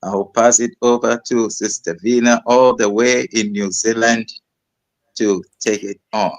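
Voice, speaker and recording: A man's voice: mid-range voice, fairly even intonation, unhurried. A man moderating a livestream panel, thanking speakers effusively and handing over.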